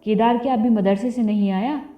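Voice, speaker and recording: A woman's voice: a little high, unhurried, warm tone, natural voice. A woman voicing a stubborn, weary young village husband who speaks sulkily and bitterly. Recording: tinny phone-like audio, roomy, faint music.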